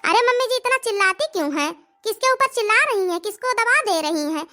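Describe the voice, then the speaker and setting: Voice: very high voice, lively intonation, fairly quick, pushed and bright, heavily acted. A performer voicing a cheeky, defiant young daughter-in-law in an Awadhi cartoon comedy, talking back.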